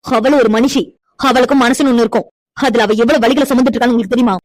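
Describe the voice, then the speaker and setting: A woman's voice: a little high, fairly even intonation, rapid-fire, no room sound, natural voice. A woman voicing a defiant young woman in a cartoon, indignant and lecturing as she defends her friend. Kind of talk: cartoon voice acting.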